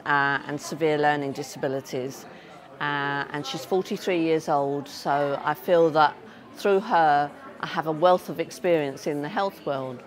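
An older woman with a low voice speaks frankly and firmly as a family carer. She is recorded on a lapel mic in a large conference hall. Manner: frank, determined. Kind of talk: vox pop interview.

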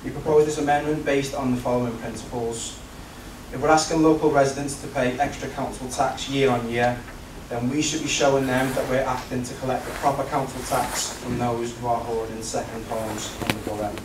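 A councillor delivers a formal, prepared debate speech in a large council chamber, his medium-pitched voice steady and brisk. Recorded from the back of the room, the audio sounds distant, echoey, and noisy.

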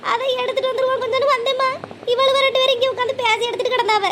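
Brief: a frightened old cartoon granny, very high squeaky voice, quick whimpering delivery. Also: female voice, steady tone, a bit bright, slight background noise. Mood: shaken, weepy. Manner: whimpering, pleading. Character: frightened old village grandmother, weepy. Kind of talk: cartoon voice acting.

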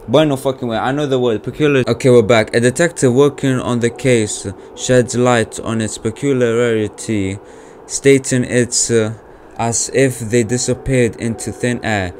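A young man giving casual let's-play commentary on a horror game, jumpy and swearing, his voice jumping high when scared. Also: steady tone, normal speed, darkish tone, slight background noise. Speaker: gaming YouTuber.

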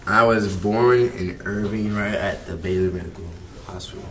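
A man's voice: fairly low pitch, fairly even intonation, normal speed, distant mic, heavy background noise. A teenage boy, a student, answering casually and rambling a bit. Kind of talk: interview answer.

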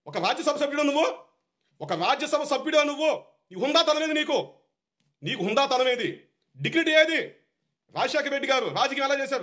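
Fast, heated Telugu man ranting. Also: sits high, a bit bright. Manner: heated, repetitive, scolding. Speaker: political party supporter. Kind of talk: impassioned political rant.

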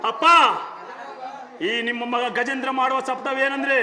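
A man playing a vengeful, grieving young orphan in a village stage drama, declaiming with shouts. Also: very high-pitched, completely flat delivery, normal speed. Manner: theatrical, shouted speeches. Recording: roomy stage, loud live music.

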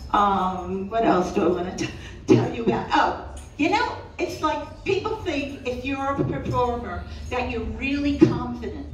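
An older lady comedian does raunchy, self-deprecating stand-up live for an audience in a small indoor cat cafe, her high-pitched voice hitting punchy lines and drawn-out pauses. She used a handheld mic, but a camera in the audience recorded her from a distance, and the room is very echoey with some noise.

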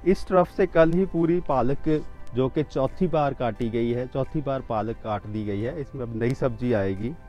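In a lo-fi recording with soft music behind him, a man in his fifties tours a rooftop vegetable garden on foot, explaining to the camera. His mid-range voice runs at normal speed with few pauses as he identifies each plant plainly and steadily, making small restarts.

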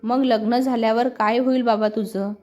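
A playful, teasing young man in love, as a woman narrator reads him, fairly high in pitch. Quiet music runs under a slightly dull sound. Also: steady tone, normal speed, natural voice. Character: young groom, playful and romantic. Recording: slightly muffled with soft music.

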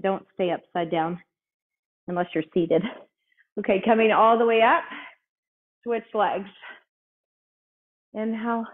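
Breathless, upbeat woman fitness coach, tinny. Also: mid-range voice. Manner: upbeat, encouraging, counts reps aloud. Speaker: fitness instructor. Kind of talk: coaching a live workout.

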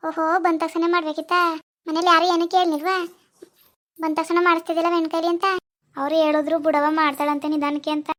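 Woman doing a fussy mom checking in, fast and high. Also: level tone, fairly bright tone. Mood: concerned. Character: caring middle-aged village mother on the phone.

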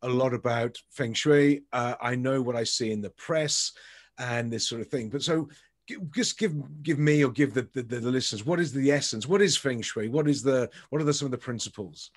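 A man's voice: medium pitch, fairly quick. Rambling middle-aged male podcast host. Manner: rambling, repeats words when starting sentences. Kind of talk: video call interview. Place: home office with bookshelves. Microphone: video call.

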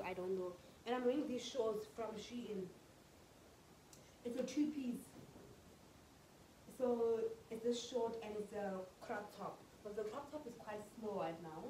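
Her voice is mid-range and darkish, congested with flu, and she speaks at a measured pace, pausing often. The speaker is a South African woman in her twenties chatting casually to a phone held at arm's length as she vlogs from her living room and bedroom, mixing in Setswana phrases. The audio is poor, with a little hiss or hum.

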